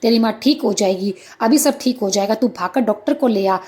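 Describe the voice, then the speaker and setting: A woman voicing a gentle elderly husband in a spoken story, talking tenderly and pleading. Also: medium pitch, brisk, lightly acted. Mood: shaken. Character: elderly husband, gentle, then grief-stricken.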